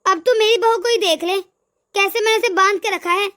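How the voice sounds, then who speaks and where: Woman doing a bossy older auntie in a cartoon, bossing and scolding, super high bright voice. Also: brisk. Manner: scolding, bragging, commanding. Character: bossy harsh older woman, a domineering mother-in-law aunt.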